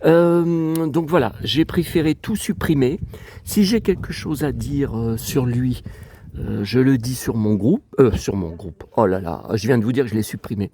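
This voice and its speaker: Out in a cemetery, a vlogger talks casually and rambles, sounding put-upon and drifting between topics while his cold leaves him sniffly and congested. His dark-toned voice sits at medium pitch and moves at normal speed, over slight background noise.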